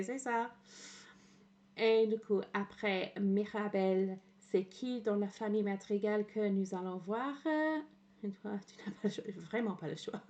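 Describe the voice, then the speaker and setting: Streamer, young woman, slow unhurried delivery, laughs easily, drifts into English mid-sentence. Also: medium pitch. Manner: laughing, switches between French and English, halting restarts. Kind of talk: casual stream chat.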